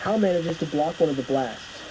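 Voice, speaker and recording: A man's voice: on the high side, fairly quick, noisy background. Man narrating a scripted story recap.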